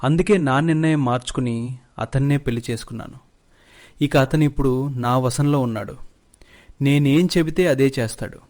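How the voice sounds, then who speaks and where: A man's voice: medium pitch, moderate pace, a little mellow, natural voice. Storybook villainess: a spiteful, taunting sorceress woman, read by a man. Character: scheming female sorceress, bold and spiteful.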